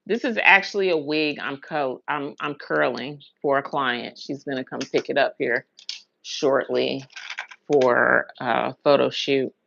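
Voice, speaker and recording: This livestream host and hairstylist from Huntsville, Alabama and Brooklyn, New York has an extremely low, creaky, slightly bright voice and speaks at a measured pace. Chatting casually, the American woman rambles through personal stories colloquially and repeats words for emphasis. The highs are cut off, with slight background noise.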